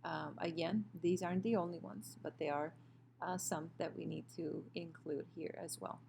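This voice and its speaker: A woman's voice: sits low, steady tone, moderate pace, vocal fry, a little mellow, slight background noise. A woman teaching a recorded Spanish grammar lesson over a screen share, explaining patiently with fillers and self-corrections. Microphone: computer mic for a screen recording.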